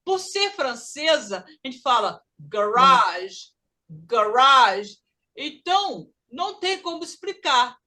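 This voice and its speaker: A Brazilian woman with a high, bright voice leads an English pronunciation class. She talks in a lively way and slows right down to model each word for students to repeat. Her accent is Brazilian Portuguese. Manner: lively, drills words slowly for students to repeat. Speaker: English teacher. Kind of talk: online English pronunciation lesson.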